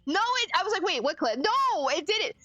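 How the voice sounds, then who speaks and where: A woman's voice: very high voice, big pitch swings, normal speed, pushed and bright, no room sound, highs cut off. A woman streaming a game, chatting casually with viewers and reacting expressively, swinging between frustrated cries and laughs. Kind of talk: casual gaming commentary.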